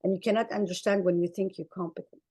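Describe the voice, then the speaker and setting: Speaking fast in a dark-toned, medium-pitched voice with fairly even intonation, a Somali clinician whose first language is Arabic presents at a conference with slides. She comes across as earnest and emphatic, stressing points by repeating phrases.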